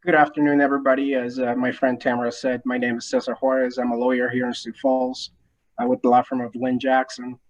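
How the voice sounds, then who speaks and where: A man's voice: medium pitch, level tone, fast, poor audio. A man in his thirties, a native Spanish speaker from Mexico with a Mexican Spanish accent, introducing himself in a friendly way as a panelist, with frequent restarts. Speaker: attorney, panelist.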